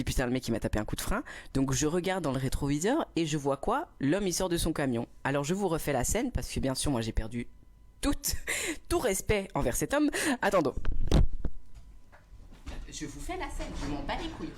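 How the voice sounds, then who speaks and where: A young man telling a story on a live stream in casual chat, animated and laughing often, acting out a quarrel loudly, on a small clip-on mic indoors. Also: a little high, slight background noise. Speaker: livestreamer.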